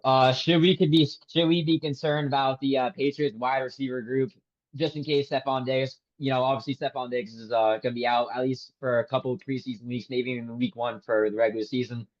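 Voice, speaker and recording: A man's voice: medium pitch, little pitch movement, brisk. Man, podcast host, casual stumbling questions, curses, muffled lo-fi recording. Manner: loose, stumbling questions, swears. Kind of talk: casual sports podcast interview.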